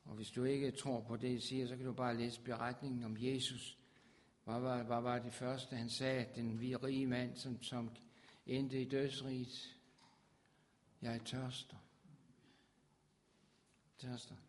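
A man preaching a sermon with fervor, his voice swelling loud on scripture. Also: mid-range voice, flat delivery.

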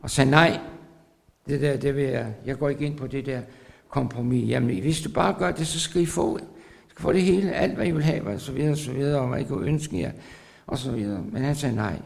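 A man preaching a sermon. He repeats his phrases and pauses with fillers, then builds to loud, drawn-out emphasis. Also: mid-range voice, vocal fry. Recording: long hall reverb.

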